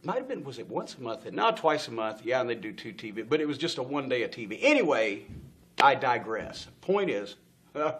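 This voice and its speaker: Speaking a little fast with a medium-pitched, sing-song voice and a fairly bright tone, this middle-aged man is the guest in a studio interview. The indoor set has stage lights. He spins a long backstage story, impersonating the people he quotes, cursing freely, and laughing a lot.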